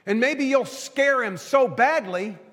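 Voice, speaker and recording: A man's voice: very high voice, expressive, takes it slowly, a bit bright, pitched above the performer's own voice, exaggerated voice. A man voicing an earnest country pastor coaxing a worried wife through a scheme. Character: earnest small-church pastor giving advice. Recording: long hall reverb.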